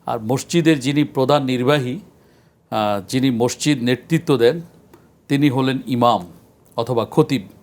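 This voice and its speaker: A man, a scholar guest on a religious talk show, speaking in an earnest, measured lecturing way with frequent pauses. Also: medium pitch, a little mellow. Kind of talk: studio discussion on a religious show.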